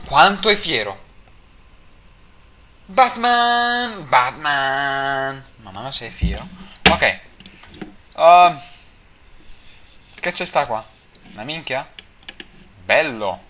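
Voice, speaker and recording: A man's voice: medium pitch, very animated, slow pace, long pauses, bright, forceful tone, a little hiss or hum. A young man doing joking, swearing commentary over a video game he plays, with game music behind. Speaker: let's play commentator. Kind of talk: excitable gameplay commentary.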